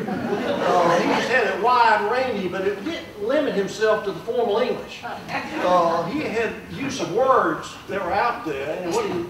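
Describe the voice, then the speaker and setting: Older judge, folksy eulogy, fairly high voice, far from the mic in a booming room. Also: male voice, heavy background noise. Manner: folksy, warm storytelling with fillers. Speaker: judge giving a memorial tribute. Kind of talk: public memorial speech. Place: large room at a plaque dedication. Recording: echoey room, mic from afar.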